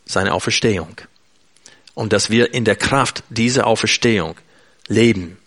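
A man's voice: on the low side, unhurried, fairly bright tone. German man preaching an earnest sermon. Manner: earnest, emphatic, addresses listeners directly.

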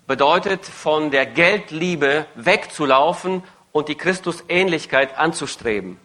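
A man with a bright, forceful voice, pitched a little high, interprets a sermon live. He follows the preacher phrase by phrase and echoes his emphasis, sometimes stumbling briefly and correcting himself. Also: lively intonation, unhurried. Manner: follows phrase by phrase, occasional hesitations and self-corrections.

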